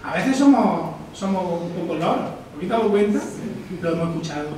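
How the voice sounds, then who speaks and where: A man's voice: high-pitched, animated, brisk, mellow, slight background noise. A man from Almería, giving a reflective live talk and often asking the audience questions. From Almería, Spain. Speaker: lecturer. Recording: echoey hall, distant mic.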